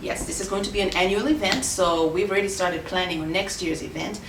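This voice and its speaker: Shop owner, lower voice, echoey room, slightly off-mic. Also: female voice, steady tone, far from the mic, background noise. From Kenya. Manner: measured, with frequent "uh" and "um" pauses. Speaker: boutique owner. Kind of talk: interview answers. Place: her clothing shop.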